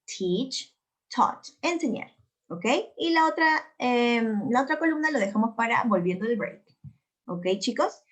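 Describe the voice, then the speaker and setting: A woman's voice: a little high, expressive, moderate pace. A woman from Peru teaching English in a recorded video lesson, speaking with a Peruvian Spanish accent and patiently drilling words by repeating them.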